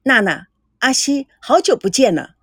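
A woman voicing a calm, composed woman who speaks in a measured, reproachful way. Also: on the high side, husky, no echo, clean studio sound, exaggerated voice. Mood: soothing.

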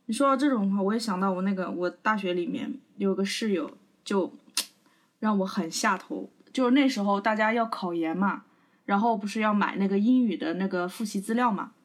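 A woman's voice: medium pitch, a little fast. A young adult woman co-hosting a podcast, telling a long anecdote in casual, rambling chat. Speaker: podcast co-host.

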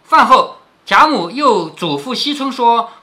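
A man's voice: extremely high pitch, big pitch swings, a little slow, pushed and bright. A middle-aged man reading a classic novel aloud and stopping to explain it in plain talk, often asking "right?". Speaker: storyteller reading a classic novel to his daughter.

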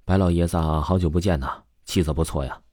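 A man's voice: low voice, fast talker, a little mellow, no room sound, clean studio sound. A man voicing a sly, menacing middle-aged man in a suit, falsely friendly and sneering, in an audio story. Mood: mock friendly.

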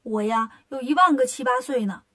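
A woman voicing a boastful, cheeky monkey king disciple in a children's storybook tale, brisk and cocky. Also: sits high, pushed and bright.

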